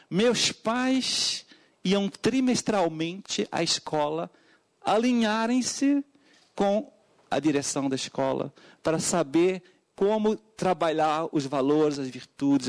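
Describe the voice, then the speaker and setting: His voice is gravelly as he testifies formally at a public hearing. He's a middle-aged educator from Portugal with a European Portuguese accent, and his speech is full of hesitant fillers broken by abrupt, emphatic rises in pitch.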